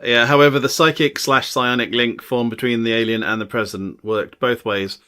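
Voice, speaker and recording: A man, co-hosting a podcast, recapping a film's plot with dry, deadpan asides. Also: mid-range voice, moderate pace, clean tone. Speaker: podcast co-host recapping the film. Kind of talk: casual film recap chat.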